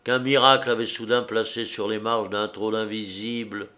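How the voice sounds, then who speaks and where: A man reading a novel aloud as narrator in a measured, deliberate way. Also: on the low side, level tone, sharp tone.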